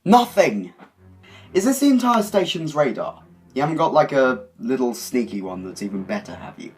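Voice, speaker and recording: A man playing a frantic, eccentric alien hero in an audio drama, excitable, whimsical and theatrical. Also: mid-range voice, moderate pace, faint music behind, close to an everyday voice. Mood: exasperated.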